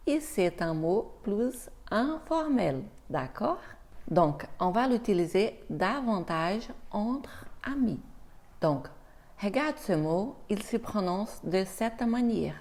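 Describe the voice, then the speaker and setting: A woman teaches a beginner French lesson at a slow, deliberate pace. Her voice is gravelly and mellow. She models each sound with care. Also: medium pitch. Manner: slow, careful pronunciation demos.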